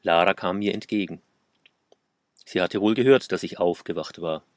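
A man narrating a first-person story in a measured, calm way. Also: deep voice, dry recording, clean studio sound.

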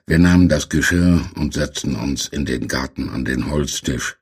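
A man reading a novel aloud with calm, measured storytelling. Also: a bass voice, husky. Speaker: narrator. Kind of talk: audiobook narration.

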